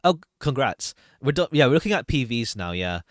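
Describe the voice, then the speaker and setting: Lively-pitched man chatting on a livestream. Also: a little fast, dry recording, clean studio sound. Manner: chatty, hesitant, thinking aloud. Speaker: streamer reacting to game trailers. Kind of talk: casual livestream commentary.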